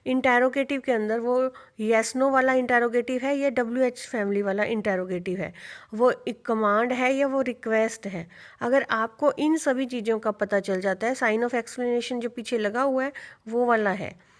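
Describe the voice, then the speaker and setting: A woman teacher giving a revision lecture, explaining step by step and answering her own questions. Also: fairly high pitch. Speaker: English teacher.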